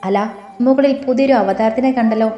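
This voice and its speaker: A woman voicing an eager young woman, naive but sharp-tongued when crossed, in an audio story. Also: on the high side, fast talker, close to an everyday voice. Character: young woman, lively, naive, quick to bristle. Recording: roomy with faint music.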